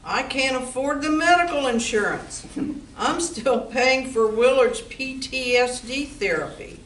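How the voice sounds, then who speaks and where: In an amateur comedy radio play, a woman acts as a wry, practical bar owner, delivering lines in a dry, businesslike way. Her voice is high-pitched and fairly bright, with lively intonation at a measured pace. It's recorded from far off in an echoey room with background noise.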